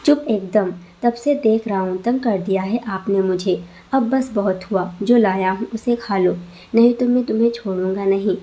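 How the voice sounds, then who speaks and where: A woman's voice: mid-range voice, moderate pace, warm tone, lightly acted. A woman voicing a flustered young husband in a read-aloud story, pleading and exasperated. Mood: angry.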